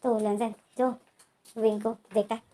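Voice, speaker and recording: Woman chatting through a story retelling, fillers everywhere, kinda high voice. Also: level tone, a little slow, warm tone. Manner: chatty, many filler connectives. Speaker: story narrator.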